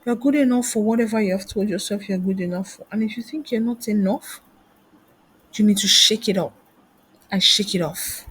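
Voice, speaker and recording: With a medium-pitched voice that has a breathy edge, a woman talks fairly quickly through a motivational career lesson. As a coach and trainer, she fires off many rhetorical questions.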